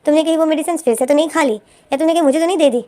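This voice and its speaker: A woman voicing a calm, affectionate young husband who teases gently, in a storytelling narration. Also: high voice, very fast, voice pushed up, natural voice. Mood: fond.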